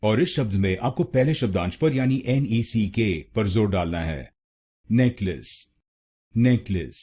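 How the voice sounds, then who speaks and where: A man narrating a pronunciation lesson in a scripted way, saying each syllable slowly and repeating it. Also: fairly low pitch, animated, darkish tone, breathy edge. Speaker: pronunciation teacher.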